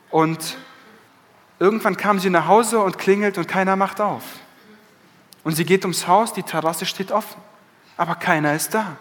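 A man preaching an Easter sermon with dramatic emphasis, often slowing his words down. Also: high voice, fairly bright tone. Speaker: pastor. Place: church hall. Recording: church hall reverb.

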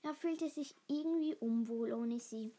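A woman reading a children's story aloud, halting now and then with small slips. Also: fairly high pitch, warm tone. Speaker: reader.

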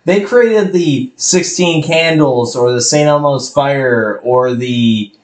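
A man's voice: mid-range voice, reverberant. A man in his late twenties, a podcast guest, speaking wryly and choosing his words with care. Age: 20s. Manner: articulate, wry, picks words deliberately. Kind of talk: casual chat.

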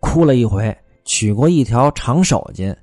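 Lively male storyteller, dry close voice. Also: mid-range voice, normal speed, dry recording, soft background music. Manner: lively, with asides to listeners. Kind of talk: traditional storytelling narration.

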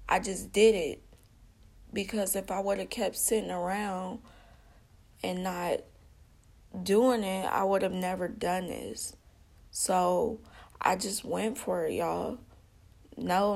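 A vlogger with a creaky, mid-range voice shares an earnest personal testimony. She talks conversationally, addresses listeners as "y'all," and repeats herself with small slips.

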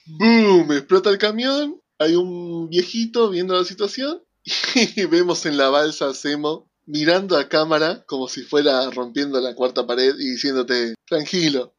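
A man with a Rioplatense Spanish accent, co-hosting a casual chat that recaps a TV series, talking in an animated, excitable way. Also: on the high side. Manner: animated, excitable, switches fast to slow. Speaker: podcast co-host. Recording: dull lo-fi recording.

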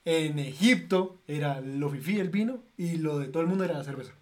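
A man's voice: on the high side, brisk, a little mellow. A man hosting a casual podcast chat, joking and rambling loosely.

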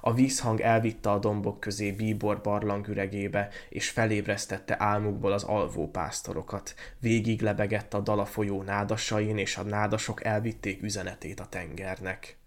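Brief: male podcast host, storybook narration, measured and lyrical, lower pitch. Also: little pitch movement. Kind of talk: storybook reading aloud.

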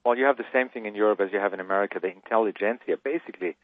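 An Austrian guest author speaks emphatically in a radio interview over a tinny phone line, preaching with conviction. His lowish voice races along with no room sound.

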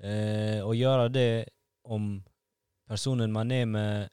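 A man's voice: fairly low pitch, steady tone, dark tone, smooth, no echo, studio quality. A man who is a guest on a casual home podcast, bantering and often repeating himself.

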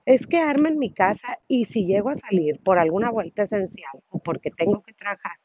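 A woman's voice: medium pitch, darkish tone, breathy edge, dull audio. A woman with a Mexican accent hosting her own solo podcast, speaking earnestly and with feeling, firing off rhetorical questions. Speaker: podcast host. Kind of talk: reflective solo podcast monologue.

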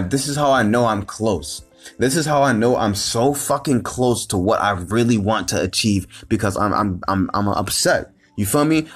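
A man with a fairly low voice delivers an unscripted motivational rant, swearing constantly and circling back over the same points. He restarts his sentences and pushes into loud, frustrated bursts of emphasis. Faint music plays behind him. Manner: profane, repetitive and rambling, with frequent restarts. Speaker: motivational vlogger.

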